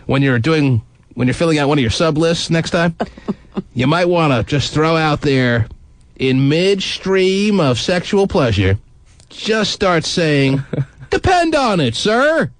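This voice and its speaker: A man's voice: on the high side, lively intonation, takes it slowly, dry recording. A man hosting a talk radio show, teasing a guest with sarcastic jokes and mock-grand readings. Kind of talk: joking talk radio banter.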